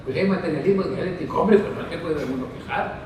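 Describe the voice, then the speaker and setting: A man delivers a meandering panel talk, full of fillers and little asides to the audience. His voice sits a bit high, picked up from far away in a long-reverb hall, with clear background noise. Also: brisk. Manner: discursive, with frequent fillers and asides. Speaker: panel speaker. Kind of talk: conference talk. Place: conference hall. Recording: distant mic in echoey hall with noise.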